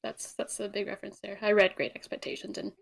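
A woman co-hosting a casual book podcast, animated and acting out her reactions. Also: medium pitch, fast talker, vocal fry. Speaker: podcast co-host.

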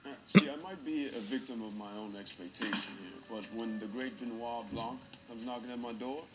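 An actor playing a plain-spoken police detective in a film, reasoning in a halting, mildly exasperated way. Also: male voice, medium pitch, background noise, natural voice. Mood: skeptical. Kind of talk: film drama dialogue. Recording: muffled film playback, music behind.

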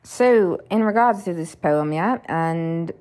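A woman's voice: fairly low pitch, moderate pace. A woman hosting a poetry podcast, reading a poem and then talking about it in a loose, rambling way full of "you know" and "um". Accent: unplanned put-on accent when reading poetry. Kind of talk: casual poetry reading and discussion.

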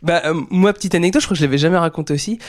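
A man with a fairly high voice chatting casually as a podcast host. He rambles with lots of fillers and restarts. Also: very fast. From Portuguese heritage. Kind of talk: casual chat.

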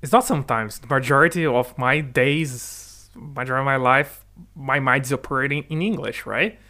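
An animated Brazilian man whose first language is Portuguese, now living in the UK, talks in a bright, medium-pitched voice at a moderate pace. In this casual conversation he keeps restarting and frequently asks "right?"

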